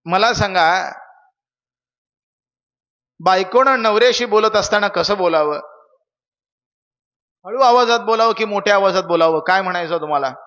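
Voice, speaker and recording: Brief: young male kirtan preacher, high and bright, asks the crowd questions, long hall reverb. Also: normal speed, pauses often. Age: young adult. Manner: questions the audience, preachy storytelling. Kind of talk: Marathi kirtan sermon.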